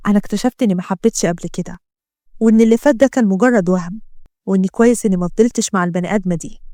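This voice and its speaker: A woman's voice: mid-range voice, very fast, warm tone, no room sound, studio quality, voice pushed down, natural voice. A woman voicing a young man recovering from depression, speaking in a teasing, casual Egyptian manner. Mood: earnest. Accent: Egyptian Arabic.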